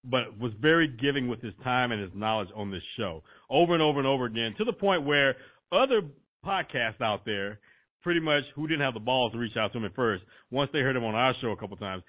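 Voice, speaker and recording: A man co-hosting a podcast, talking in an animated, casual way, swearing freely and leaning on "you know". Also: medium pitch, a little fast. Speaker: podcast co-host. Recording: narrow phone-like audio.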